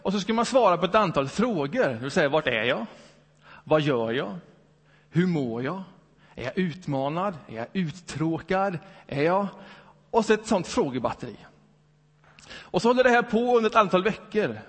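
Man, high voice, sweeping lively pitch, conversational sermon, church reverb. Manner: lively, conversational preaching with rhetorical questions. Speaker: preacher. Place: church hall. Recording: long hall reverb.

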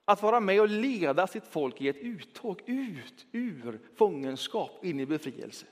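A man preaching from the front of a church, his voice sitting fairly high for a man. His long reverberant echo trails through the hall as he moves between brisk, talky stretches and slow, weighted words. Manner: reflective, lively shifts between quick talk and slow emphasis. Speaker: pastor. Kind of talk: sermon.

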